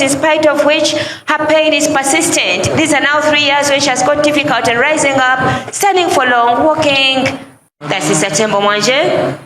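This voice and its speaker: High-voiced woman commentating at church, long hall echo, noisy. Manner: formal, reads documents aloud. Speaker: church announcer. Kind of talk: live event commentary.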